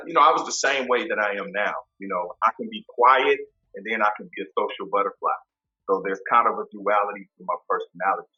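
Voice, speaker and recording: Man, fifties, low, forceful bright voice, relaxed interview guest from Kansas City, muffled recording with music under it. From Kansas City, Missouri. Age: 50s. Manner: relaxed, reflective, repeats words as he thinks. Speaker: podcast host as guest. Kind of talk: casual interview talk.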